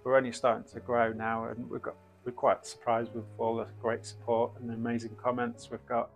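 A man's voice: mid-range voice, brisk, faint music behind. A man in his thirties hosting a paranormal investigation channel, talking casually to camera from a small indoor room with plenty of ums and uhs. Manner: relaxed, rambling, frequent ums and uhs.

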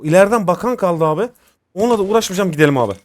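A young man hosts live gameplay commentary, talking rapid-fire in a high voice with lively intonation. He's informal and slangy, chatting to his viewers as if they were friends.

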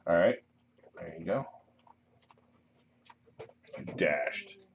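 A slow-paced, fairly low-voiced man runs a tabletop game session as game master, calling turns and dice results in a relaxed way with easy laughs. The recording is muffled and lo-fi, with a faint hiss under it. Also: vocal fry.

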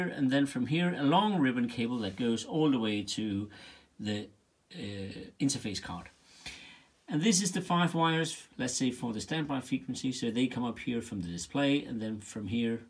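A man's voice: medium pitch, lively intonation, husky. A man explaining how he wired his home-built cockpit panels, sketching on a whiteboard in his workshop and counting the wires aloud as he draws. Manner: talks while drawing diagrams, counting wires aloud with pauses. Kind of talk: casual hands-on tutorial.

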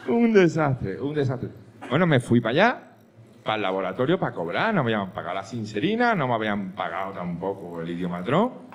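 Man doing animated stand-up. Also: lowish voice, a little fast, lo-fi sound, slight background noise. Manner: animated storytelling, swings between hushed asides and loud punchlines. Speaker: stand-up comedian. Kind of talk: stand-up comedy monologue. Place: comedy club stage with audience. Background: audience laughter.

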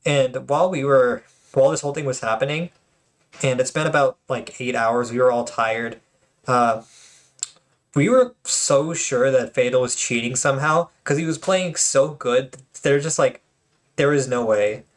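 A man's voice: mid-range voice, normal speed. A man hosting his own channel and commenting casually on tournament replays, chatty and joking, with lots of fillers and restarts.

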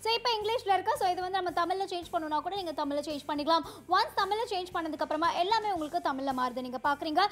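A woman's voice: very high-pitched, animated, racing, few pauses, a bit bright. A woman with a Tamil accent co-presenting a teleshopping demo, chatty and stringing her points together. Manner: chatty, keeps saying "so".

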